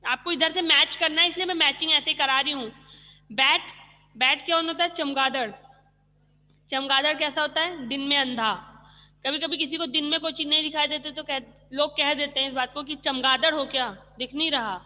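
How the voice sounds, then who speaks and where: Bright-voiced woman teacher, echoing room. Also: high voice, fairly even intonation, normal speed. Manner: explains patiently, asks questions and answers them herself. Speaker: school teacher. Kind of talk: online class lesson explaining vocabulary.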